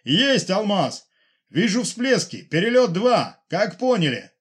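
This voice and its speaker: Guy doing a pilot hollering into the radio, high and strained, all urgent callouts. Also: very animated, slow pace, husky, full character voice. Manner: urgent shouted radio reports. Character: male seaplane pilot shouting over radio.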